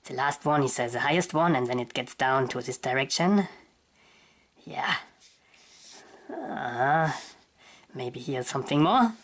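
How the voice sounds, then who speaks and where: A woman with a very deep voice narrates a drawing tutorial at an unhurried pace. She halts and hunts for words in English. She thinks aloud as she sketches, step by step. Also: expressive, a little hiss or hum. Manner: halting, searching for words in English.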